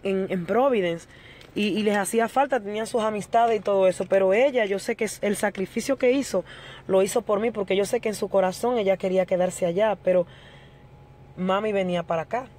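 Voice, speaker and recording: A middle-aged woman speaks earnestly before a congregation, giving her church testimony in a steady voice at a middle pitch. She talks straight to her listeners and calls them brothers. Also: a little fast.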